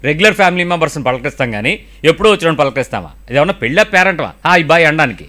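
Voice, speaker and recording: A middle-aged male pastor preaching a sermon, animated and full of rhetorical questions, now and then slipping in English phrases. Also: on the high side, rapid-fire.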